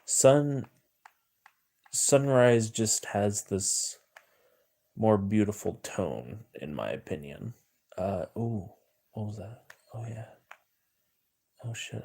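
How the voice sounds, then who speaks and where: A hoarse young man hosting a late-night livestream, chatting loosely with viewers and swearing a lot. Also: lowish voice, darkish tone. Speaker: livestream host.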